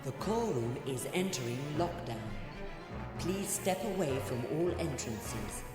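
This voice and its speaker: A woman voicing a calm facility announcer in a video game, speaking in measured, formal announcements over a public address loudspeaker. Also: a bass voice. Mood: steady. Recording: echoey hall reverb over game music.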